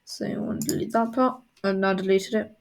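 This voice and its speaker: A woman as a coding tutor, explaining a software tool step by step in a screen-recorded tutorial. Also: mid-range voice, steady tone, a little fast.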